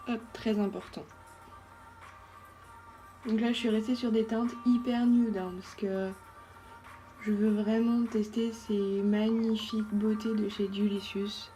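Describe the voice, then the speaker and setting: A woman's voice: medium pitch, little pitch movement, slow, long pauses, dark tone, faint music behind. A woman giving a casual makeup tutorial as a beauty vlogger, chatty and thinking aloud with lots of fillers.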